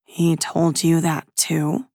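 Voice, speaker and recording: A woman's voice: low-pitched, level tone, slow pace, warm tone, no echo, studio quality. A woman doing an easygoing, gossipy young man. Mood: teasing.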